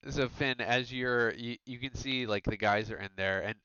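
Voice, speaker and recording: A man's voice: mid-range voice, normal speed, bright, forceful tone, slight background noise. A man narrating a tabletop game as game master, talking loosely with many fillers. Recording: dull lo-fi mic.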